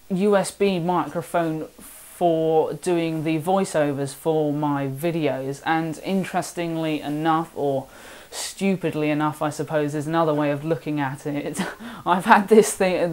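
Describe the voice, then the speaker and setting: A man's voice: a little high, fairly even intonation, unhurried. A chatty seventeen-year-old lad with a southern English accent, talking through a casual vlog voice-over in a rambling, self-deprecating way. He speaks from his home workshop. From south of England. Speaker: woodworking vlogger.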